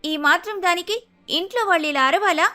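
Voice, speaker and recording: A woman's voice: extremely high pitch, quick pace, bright, forceful tone, soft background music. A woman voicing a meek young newlywed daughter-in-law in a cartoon story, pleading and apologetic. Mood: hurt pleading.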